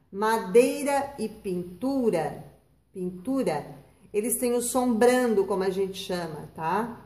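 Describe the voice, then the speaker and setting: A woman teaching children a spelling lesson, patient and slow, drawing out words and checking in with "tá?" and "né?". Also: on the high side, darkish tone. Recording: echoey room.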